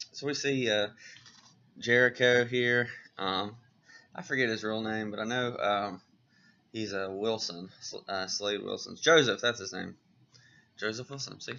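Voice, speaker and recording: A man's voice: on the low side, vocal fry, sharp tone, a little hiss or hum. A man casually reviewing comic books on a vlog, who talks in an enthusiastic, rambling way with many fillers, on a dull lo-fi recording.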